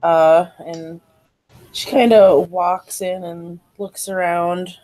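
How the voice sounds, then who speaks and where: A woman plays a tabletop game and describes her character's actions thoughtfully. She talks slowly, and her voice is on the low side. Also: fairly even intonation, mellow. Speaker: player.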